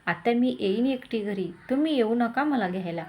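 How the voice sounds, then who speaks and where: A woman's voice: a little high, expressive, moderate pace, lo-fi sound. A woman voicing a grumbling but doting old grandfather in a story.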